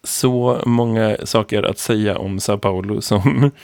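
A man in his thirties, a teacher co-hosting a podcast, who tells stories in a lively, rambling way full of fillers. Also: lowish voice, vocal fry, no room sound, clean studio sound. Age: 30s. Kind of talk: casual podcast chat.

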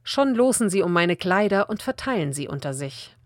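A woman reading Bible passages aloud in a calm, measured way for a daily audiobook podcast. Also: on the low side, no echo, clean studio sound. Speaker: Bible reader.

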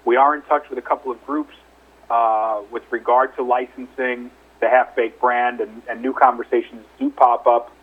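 On an investor call Q&A, a male company executive speaks in a husky, medium-pitched voice with little pitch movement at normal speed, conversational and hedging. It comes through a telephone conference line that sounds narrow and muffled.

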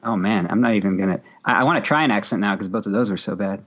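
A man's voice: fairly low pitch, a bit bright. Wry man on a dull lo-fi mic. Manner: wry, teasing, quick to laugh. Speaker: podcast co-host. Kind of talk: casual chat.

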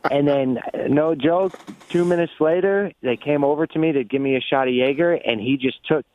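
A man's voice: a little high, moderate pace. A man co-hosting a casual chat, telling stories in a rambling way with frequent restarts. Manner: rambling storyteller, restarts often. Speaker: podcast co-host. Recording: tinny phone-like line.

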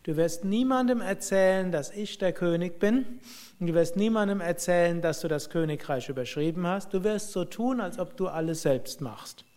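A man voicing a calm, wise old male sage who speaks in a commanding, gently testing way while telling a story. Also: high voice, moderate pace, lightly acted. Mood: instructive.

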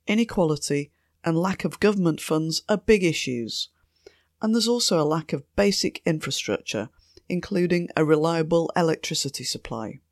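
A woman hosts a podcast while hoarse from a cold, her voice croaky but her reading measured and clear. The sound is dry and close, with no room around it. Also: lowish voice, dry recording. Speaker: podcast host. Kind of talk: scripted podcast introduction.

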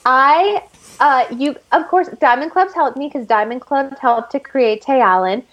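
A woman's voice: high voice, unhurried, a bit bright, dull audio. A woman chatting as an interview guest, telling stories with lots of "like" fillers. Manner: chatty storyteller, many "like" fillers. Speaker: guest actress. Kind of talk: casual interview chat.

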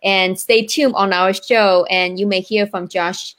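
A woman's voice: mid-range voice, fairly even intonation, a little slow, fairly bright tone. Chinese-accented woman, earnest guest. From China. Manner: earnest, repeats "right?" often. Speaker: guest entrepreneur. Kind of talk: interview on a live online show.

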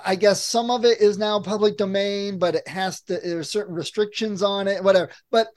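A man's voice: sits high, fairly even intonation, fairly quick. A man co-hosting a podcast in casual chat, easygoing and agreeable. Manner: easygoing, agreeable, short affirmations. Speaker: podcast co-host.

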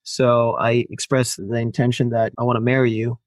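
On a casual storytelling podcast interview, a Finnish man, a native speaker of Finnish, spins a long personal tale, voicing quoted lines and laughing a lot. His medium-pitched voice stays fairly flat at a moderate pace, recorded dry.

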